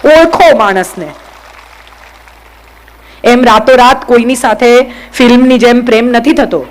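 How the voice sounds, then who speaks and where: A woman's voice: fairly high pitch, unhurried, poor audio. A woman giving a motivational speech to an audience, speaking directly and firing questions at the listeners. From Gujarat, India.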